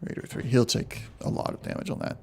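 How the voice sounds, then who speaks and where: A man's voice: a little fast, a little mellow, soft background music. A man running a tabletop game as game master, thinking aloud with frequent ums while he checks the rules.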